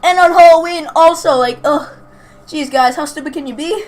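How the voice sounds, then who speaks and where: In a clearly noisy amateur home recording, a young woman casually comments on a game and reads out its text, stumbling occasionally in her chatty delivery. Her voice sits high with a darkish tone, and she talks at a normal pace.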